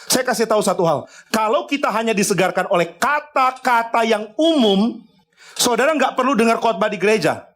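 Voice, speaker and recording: A man's voice: sits high, animated, fairly quick, a bit bright. A male pastor preaching a sermon, conversational and emphatic, acting out little dialogues with the congregation. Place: church.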